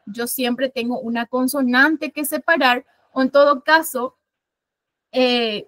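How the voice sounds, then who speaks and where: A Paraguayan woman gives an online literature lecture, walking through the material step by step and counting syllables out loud. She uses lots of fillers and frequently corrects herself partway through sentences. Her voice sits high with a fairly bright tone, and there's no room sound.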